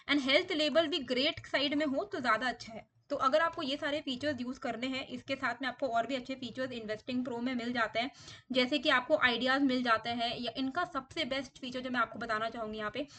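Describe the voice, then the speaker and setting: A woman's voice: high-pitched, bright, forceful tone, slight background noise. A woman with an Indian accent walking viewers step by step through a stock research tool, mixing Hindi and English. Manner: explanatory, mixes Hindi and English, guiding step by step. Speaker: stock market YouTuber. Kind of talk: screen-share tutorial walkthrough.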